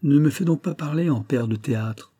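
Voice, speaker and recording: A vain older banker father, brought to life by a male narrator in a raised, emphatic voice. He lurches between chummy familiarity and exasperated scolding, his tone husky and mellow, recorded dry and close. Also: a little high, normal speed, no echo, voice pushed up. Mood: teasing, familiar.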